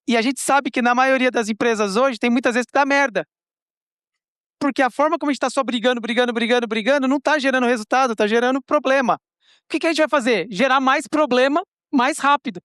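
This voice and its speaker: A woman's voice: fairly high pitch, a bit bright, dry recording, clean studio sound. A Brazilian woman on a conference panel, explaining points with playful examples. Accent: Brazilian Portuguese. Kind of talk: panel discussion. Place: conference stage.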